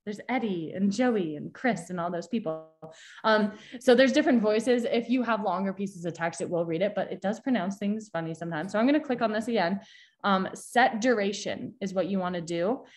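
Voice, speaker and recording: A woman's voice: mid-range voice, brisk. A young woman guest expert giving a chatty live tutorial over a video call, explaining step by step with frequent restarts. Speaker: social media guest expert.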